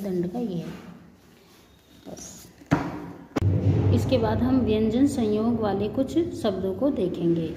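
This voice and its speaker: A woman teaching a spelling lesson, stating each word slowly and deliberately, wrong form first, then the right one. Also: medium pitch, warm tone, a little hiss or hum. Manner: slow, deliberate word-by-word contrasts. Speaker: Hindi teacher. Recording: echoey room with long reverb.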